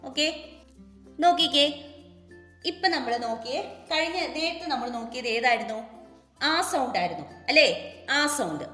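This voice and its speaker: High-voiced Malayali woman teaching phonics. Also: expressive, sharp tone. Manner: slow, drawn-out sounding out of letters and words; coaxing questions to the children. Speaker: kindergarten teacher. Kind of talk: phonics lesson for young children. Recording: echoey room with long reverb, faint music.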